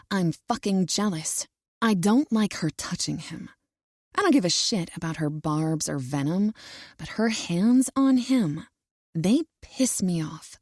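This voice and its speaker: A woman narrating a first-person romance audiobook in an even, unhurried storytelling manner. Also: mid-range voice, no echo, studio quality.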